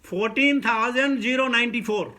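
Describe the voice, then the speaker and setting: Bright, high-voiced male preacher. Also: normal speed. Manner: conversational, asks the audience questions, mixes English into Hindi. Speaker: preacher giving a scripture class. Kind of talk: sermon.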